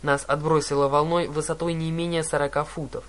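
A man's voice: on the high side, flat delivery, a little fast. Dramatic male audiobook narrator. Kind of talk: scripted first-person narration.

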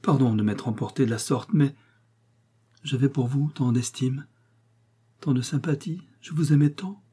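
A man voicing an aging, gentle widow who is secretly in love, speaking with earnest emotion in a storybook reading. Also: medium pitch, normal speed, long pauses, breathy edge, close to an everyday voice. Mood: pleading.

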